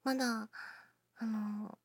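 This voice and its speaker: A woman chatting casually to her listeners, self-deprecating, often dropping into breathy near-whispers while she talks through an injured shoulder. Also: fairly high pitch, fairly even intonation, extremely slow, no echo, studio quality. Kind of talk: casual personal talk to listeners.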